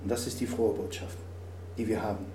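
A man preaching a sermon, swinging from quiet to loud and acting out dialogues. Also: lowish voice, steady tone, brisk. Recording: roomy, from a distance, faint noise.

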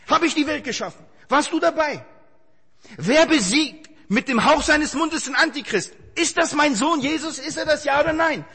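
A man voicing God as a loud male Lord who scolds his child with insistent questions. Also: extremely high pitch, animated, moderate pace, long reverb tail, voice pushed up, full character voice. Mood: scolding.

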